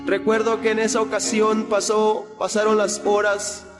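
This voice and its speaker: Young man, high and flat delivery, earnest testimony, echoing hall with faint music behind. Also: moderate pace. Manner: earnest, retelling with repeated phrases. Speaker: person giving a testimony. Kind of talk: spoken religious testimony.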